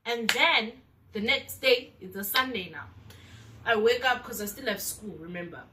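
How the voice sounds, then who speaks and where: A woman's voice: fairly high pitch, expressive, normal speed, distant mic, background noise. A woman with a South African accent telling a casual storytime vlog, chatty and mixing in local slang. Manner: chatty, mixes local slang into her speech. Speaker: vlogger.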